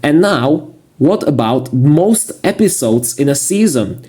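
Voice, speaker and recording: A man narrating a casual video review in a monotone, matter-of-fact way. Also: on the high side, takes it slowly, breathy edge. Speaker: YouTube reviewer.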